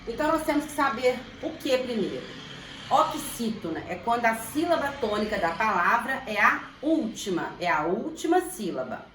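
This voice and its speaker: A woman's voice: a little high, very animated, a bit bright, a little hiss or hum. Brazilian woman teacher, echoey distant room. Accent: Brazilian Portuguese. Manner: slow, deliberate, stretches words to sound out syllables. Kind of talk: primary school grammar lesson.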